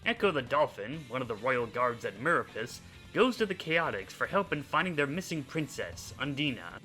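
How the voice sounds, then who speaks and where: A man hosting a video, narrating a character recap in an animated storytelling manner. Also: mid-range voice, moderate pace, faint music behind, poor audio. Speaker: host. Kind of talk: scripted narration.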